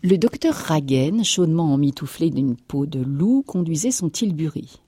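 A woman reads a novel aloud in a low, dark voice with a husky edge. Her delivery is measured and even, recorded close and dry. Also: dry recording. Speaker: narrator. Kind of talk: audiobook reading of a novel.

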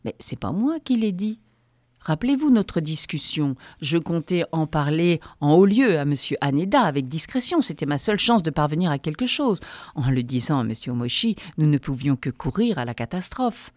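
A woman voicing a soft, mortified office colleague. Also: low-pitched, sing-song, moderate pace, no echo. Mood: earnest. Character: humble, ashamed male office colleague.

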